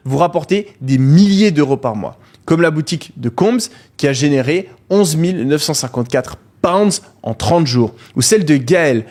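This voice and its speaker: A man hosting a live online course, talking energetically to viewers in the chat, with frequent hesitations. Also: fairly high pitch. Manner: excited, calls out to viewers; many fillers and hesitations. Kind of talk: energetic live webinar pitch.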